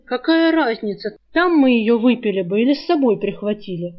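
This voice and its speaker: A woman's voice: a little high, lively intonation, normal speed, natural voice. A woman voicing a good-natured young male thief in an audiobook, with a grumbling, down-to-earth way of speaking. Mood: easygoing. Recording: dull lo-fi recording.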